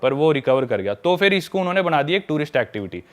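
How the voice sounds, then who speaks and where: A man's voice: fairly high pitch, fast talker. Man telling a travel story in a podcast. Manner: animated storyteller who acts out quoted dialogue; mixes English words into Hindi.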